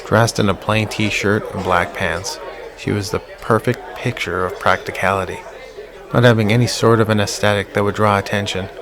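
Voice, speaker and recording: A man tells a psychological horror story in a measured, unhurried way. His voice sits low and gravelly. A crowd murmurs behind him. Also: fairly even intonation. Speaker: audiobook narrator. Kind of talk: scripted horror audiobook narration.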